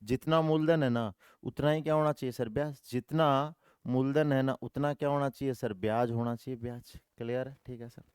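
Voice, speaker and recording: Clear-voiced man teaching in call-and-response. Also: mid-range voice, steady tone, normal speed, a little mellow, no echo, studio quality. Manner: repetitive call-and-response teaching, answering his own questions; affectionate, calls students "dear brother". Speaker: maths teacher. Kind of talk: online coaching class.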